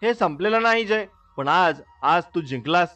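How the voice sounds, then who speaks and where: A man voicing a huge menacing male demon lord in a storybook tale, booming out threats. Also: animated, normal speed, sharp tone, distant mic, soft background music. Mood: defiant.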